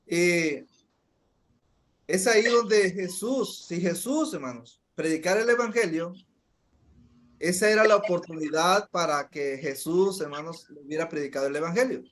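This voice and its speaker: Emphatic high-voiced male preacher. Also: moderate pace, a bit bright. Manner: addresses listeners as brothers. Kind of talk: sermon.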